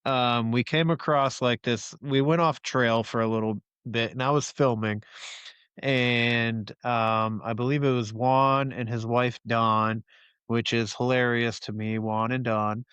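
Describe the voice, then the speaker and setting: A man's voice: medium pitch, fairly even intonation, measured pace, a bit bright, clear, resonant tone, dry recording. A man hosting a podcast, telling a long rambling story in casual chat with friends, swearing freely and leaning on fillers. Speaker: podcast host.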